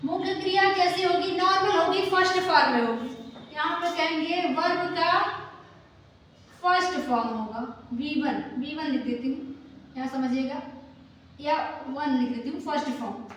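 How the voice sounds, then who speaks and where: A woman English teacher explaining grammar slowly, repeating key words and checking that students understand. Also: high-pitched, a bit bright. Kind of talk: classroom grammar lesson. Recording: echoey room, distant mic, faint noise.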